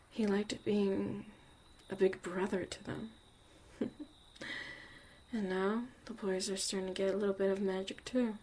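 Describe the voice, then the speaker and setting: In an intimate ASMR roleplay monologue, a woman plays a young witch mother, a tough survivor who is protective and caring, confiding in a halting way. Her voice is medium-pitched and a little mellow, with a slight hiss or hum in the background.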